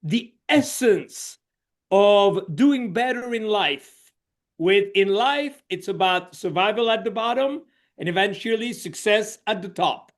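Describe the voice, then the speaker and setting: With a high-pitched, expressive voice and a slightly slow pace, a middle-aged social coach from Switzerland shares his story as a podcast guest. He reflects conversationally, leaning on "you know" again and again.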